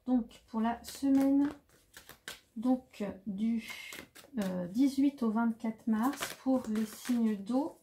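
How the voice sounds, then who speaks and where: A woman's voice: on the high side, dark tone, slight background noise. A French woman doing a casual tarot reading, hesitant and full of fillers, murmuring as she draws cards. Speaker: tarot card reader.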